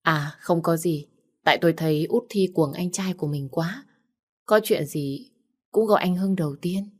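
A woman voicing a quiet, thoughtful young wife who speaks calmly and in a measured way. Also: lowish voice, husky. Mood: curious. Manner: calm, measured.

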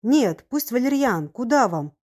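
A woman reading as a bossy, hurried comrade. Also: fairly high pitch, sing-song, darkish tone, pitched above the performer's own voice. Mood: urgent.

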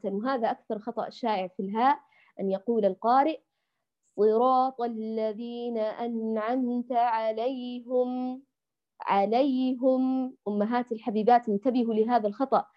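Woman, Quran recitation tutor; patient, drills syllables; higher voice, muffled lo-fi audio. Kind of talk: tajweed lesson for women. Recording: dull lo-fi audio.

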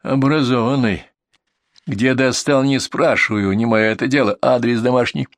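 A man voicing a gruff, tired male ambulance doctor with a stern, mocking manner, in a storybook reading. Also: medium pitch, fairly even intonation, moderate pace, no echo, studio quality, close to an everyday voice.

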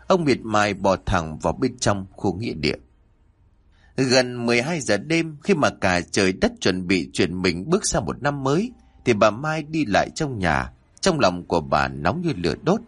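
A man narrates a ghost story in a dramatic, steady manner. His voice is husky and breathy, and his pitch rises and falls a lot.

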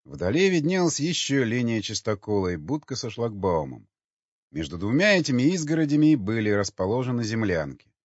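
Man narrating an audiobook, husky voice. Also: mid-range voice, very animated, a little fast, dry recording. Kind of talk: scripted narration. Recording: dull lo-fi dry recording.

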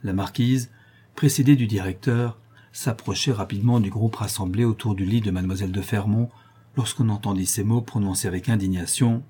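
A man reading a classic novel aloud as an audiobook narrator, in a measured way. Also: on the low side, steady tone, warm tone, husky. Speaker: audiobook reader. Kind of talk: scripted narration.

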